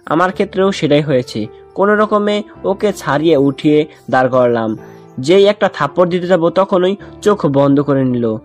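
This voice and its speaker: A man's voice: fairly high pitch, lively intonation, normal speed. A man narrating a first-person romantic story in a chatty way, often speaking to his listeners. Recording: music bed underneath.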